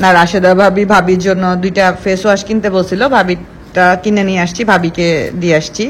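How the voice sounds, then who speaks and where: A woman's voice: lowish voice, level tone, fairly quick, slight background noise, rough recording. A young woman, chatting casually to viewers in a home grocery haul vlog. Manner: chatty, talks to viewers and to her husband off camera. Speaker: vlogger. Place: home kitchen.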